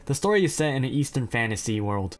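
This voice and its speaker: A man's voice: mid-range voice, very animated, fast, faint music behind. Blunt, profane man reading anime synopses. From China. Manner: blunt, profane, self-deprecating asides. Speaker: anime list narrator.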